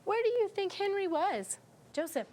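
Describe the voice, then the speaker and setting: This afterschool teacher, a woman in her twenties, has a very high voice with big pitch swings, a moderate pace, and a slightly mellow quality, plus a little hiss or hum. She expressively and encouragingly explains her methods and guides a children's read-aloud.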